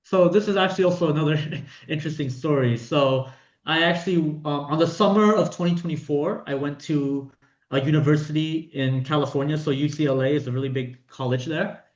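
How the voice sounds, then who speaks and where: A man's voice: fairly high pitch, brisk. A young man in his late teens from Vietnam, chatting at length as an interview guest, with many fillers and restarts. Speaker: guest racing driver. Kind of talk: casual interview answers. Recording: dull, echoey lo-fi room sound.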